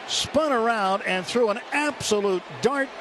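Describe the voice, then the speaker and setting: In a stadium broadcast booth, a man calls a baseball game live on radio with clipped present-tense play-by-play. His voice is very high-pitched and unhurried, and the noisy broadcast carries loud ballpark ambience.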